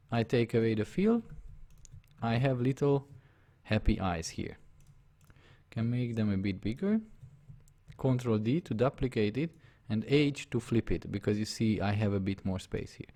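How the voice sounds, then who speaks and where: His voice is mid-range, animated and warm, at a measured pace, carrying the accent of a native Hungarian speaker. He walks through a live drawing one step at a time, narrating his on-screen work and often confirming the viewer is with him.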